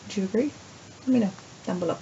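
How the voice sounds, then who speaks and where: A woman's voice: medium pitch, animated, quick pace, creaky, warm tone. An Irish woman chatting casually to her viewers in a rambling, playful, self-deprecating video diary. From Ireland. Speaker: vlogger and writer. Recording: dull lo-fi sound, faint background noise.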